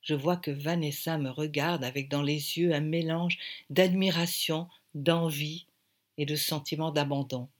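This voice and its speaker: A woman narrating an audiobook in a lively, wry way. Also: sits low, unhurried.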